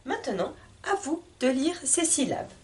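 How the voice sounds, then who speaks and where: A woman teaching reading, drilling syllables slowly and articulating each one carefully as she guides learners through a board. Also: high voice, sing-song. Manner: talks over a board, guiding learners. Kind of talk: slow, deliberate reading lesson.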